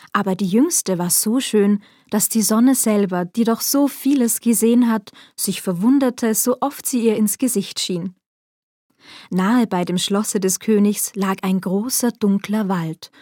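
A woman reading a fairy tale aloud in calm, measured phrases. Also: mid-range voice, dry recording, studio quality. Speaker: narrator.

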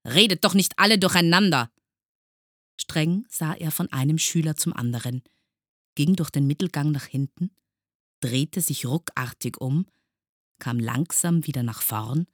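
A woman reading a children's book aloud in a calm, expressive storytelling manner. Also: low-pitched, dry recording, studio quality. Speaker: reader.

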